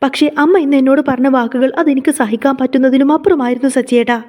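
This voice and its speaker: A gentle, hurt young wife, voiced by a woman retelling a serial scene. Her lines come out pleading and quick. The voice is high and mellow. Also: fairly even intonation. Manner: pleading, tearful.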